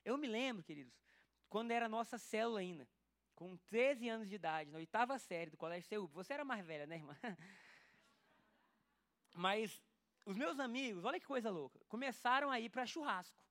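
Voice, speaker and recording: A man's voice: high voice, a little fast. A man with a Brazilian Portuguese accent preaching a sermon and sharing a personal testimony, emotional and speaking straight to the congregation. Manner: emotional, animated, addresses the congregation directly.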